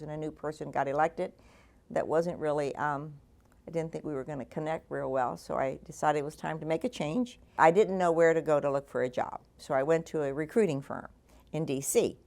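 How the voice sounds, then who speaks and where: An older woman from Washington, D.C., telling her life story as an award honoree, relaxed and halting with frequent fillers. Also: low voice, creaky.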